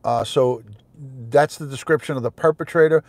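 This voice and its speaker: A man in his fifties with a mid-pitched voice talks casually as a livestream host. He repeats phrases for emphasis as he comments from inside a car. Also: normal speed, darkish tone, dry recording. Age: 50s. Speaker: host, retired police detective.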